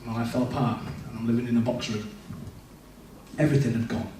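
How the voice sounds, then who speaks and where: A young man at medium pitch and in a steady tone speaks a little fast, giving a candid, self-deprecating testimony as a church speaker and often restarting. The far-off mic in the echoey church hall also catches a noisy background.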